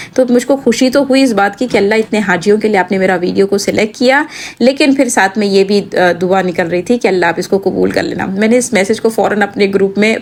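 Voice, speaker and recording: A middle-aged woman tells her family's story as a vlog, chatty and devout. Her voice sits at an ordinary pitch for a woman. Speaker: vlogger. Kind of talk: casual family vlog narration.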